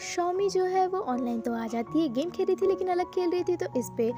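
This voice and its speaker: A woman's voice: very high voice, animated, fairly quick. A woman casually retelling the plot of a drama episode in a chatty, loose way, with many fillers. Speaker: drama recap narrator. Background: background music.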